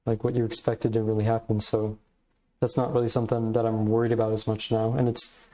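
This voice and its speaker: A man's voice: lowish voice, completely flat delivery, fairly quick, darkish tone, low-quality recording. A man hosting a podcast, giving casual, reflective commentary in hesitant, meandering phrasing. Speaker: podcast host.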